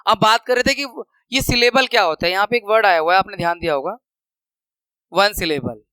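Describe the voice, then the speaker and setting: High bright-voiced man teaching grammar. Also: clear, resonant tone, dry recording, poor audio. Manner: patient, repeats example words slowly and drawn out. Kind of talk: classroom lesson explaining slides.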